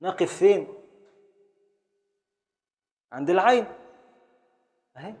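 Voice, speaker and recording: A man with an Egyptian Arabic accent leads a classroom lesson in a somewhat high-pitched voice. He drills his students with short, repeated questions and works through each point one step at a time. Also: animated, takes it slowly, a little mellow, long reverb tail. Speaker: teacher.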